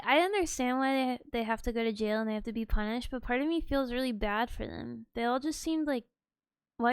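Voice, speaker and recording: A woman streamer with a cute, expressive anime-style manner, reacting casually to a video. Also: on the high side, smooth, no echo, studio quality.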